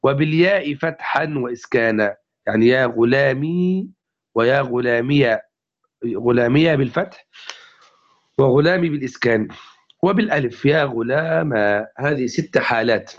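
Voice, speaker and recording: A male teacher giving a classical grammar lesson to a class, explaining step by step and repeating each example. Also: medium pitch. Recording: dull lo-fi recording.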